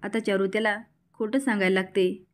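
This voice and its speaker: A woman narrating a dramatic serial episode in a brisk storytelling manner, reading out all the dialogue. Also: mid-range voice, steady tone. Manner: brisk storytelling, reads out every line of dialogue.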